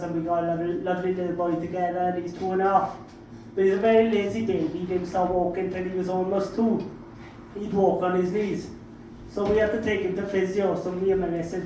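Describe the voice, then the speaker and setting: Fast and fairly even in intonation, a high-voiced South Welsh comic tells self-mocking, foul-mouthed, brash stories on a comedy club stage, punching up his punchlines. Background noise fills the echoey, distantly recorded room.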